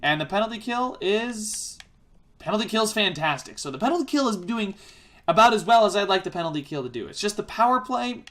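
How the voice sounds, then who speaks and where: A man giving casual let's-play commentary, rambling and exasperated, often correcting himself as he talks fast. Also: on the high side, fairly bright tone. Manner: fast-talking. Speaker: gaming YouTuber.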